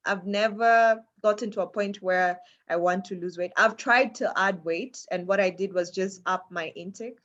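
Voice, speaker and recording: A woman's voice: mid-range voice, normal speed, few pauses, fairly bright tone, muffled recording. A woman from Kenya with a Kenyan accent, talking casually and chattily as an athlete being interviewed, often repeating phrases for emphasis.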